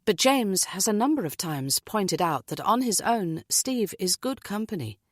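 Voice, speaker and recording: A woman narrating a mystery audiobook, reading in an even, descriptive way. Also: medium pitch, unhurried, no room sound, clean studio sound. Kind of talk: scripted narration.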